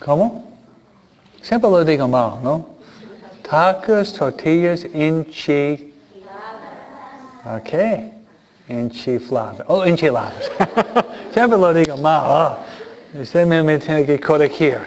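Priest, man; slow, questioning catechism talk to kids, acts out small dialogues; muffled recording. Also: a little high, darkish tone. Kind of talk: catechism talk to children and parents. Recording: dull lo-fi recording.

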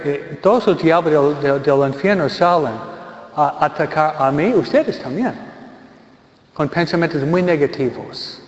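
Slow-preaching man in an echoey church. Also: fairly high pitch, a little hiss or hum. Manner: slow, deliberate preaching, switching between Spanish and English. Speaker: priest. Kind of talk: funeral homily. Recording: echoey church hall, slightly dull sound.

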